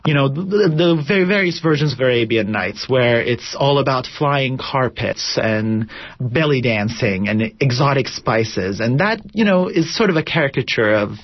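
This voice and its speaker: A man's voice: medium pitch, expressive, normal speed, no room sound. A man from Turkey, a theater director, answering interview questions in a thoughtful, reflective way with many fillers. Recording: dull lo-fi radio broadcast.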